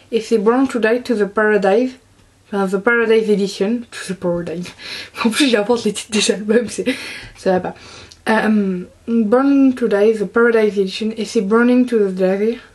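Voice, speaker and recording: Chatty young woman, fairly high voice. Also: darkish tone. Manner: chatty, enthusiastic, many fillers and restarts. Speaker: beauty vlogger. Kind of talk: casual monthly favorites chat.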